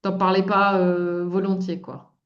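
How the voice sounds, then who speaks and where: A woman interviewer asking informal questions in a halting way, piecing them together as she goes, on a lo-fi recording. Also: mid-range voice, completely flat delivery. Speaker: interviewer, coach. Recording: dull, lo-fi sound.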